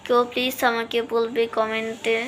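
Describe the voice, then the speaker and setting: Young woman, casual vlog talk, rambling, light hiss, steady monotone. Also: fairly high pitch, normal speed. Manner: chatty, rambling, counts numbers aloud. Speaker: vlogger. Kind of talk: casual vlog chat to viewers. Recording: faint background noise.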